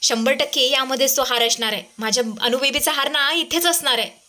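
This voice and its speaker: A woman's voice: high-pitched, fairly quick, sharp tone. A woman voicing a haughty, suspicious rich lady who orders people about and scorns a poor servant. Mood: bossy, scornful. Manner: commanding, scornful.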